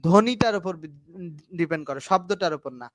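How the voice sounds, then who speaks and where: High-voiced man teaching English grammar. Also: lively intonation, very noisy. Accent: Bangladeshi Bengali. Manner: explains slowly, keeps asking students if they follow; mixes English grammar terms into his talk. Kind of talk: online class lecture.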